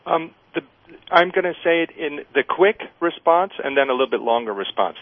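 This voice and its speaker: This guest winemaker, a man with a standard American accent, gives casual, anecdotal interview answers and explains things step by step. His voice is a little high, expressive, and fairly quick. The sound is a thin, phone-like radio line with no room sound.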